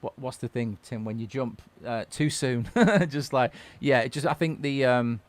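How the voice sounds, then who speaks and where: A man's voice: medium pitch, moderate pace, dry recording. Chatty male webcast host. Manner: chatty, loose, lots of restarts. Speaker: host and music-production trainer. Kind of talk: casual webcast chat.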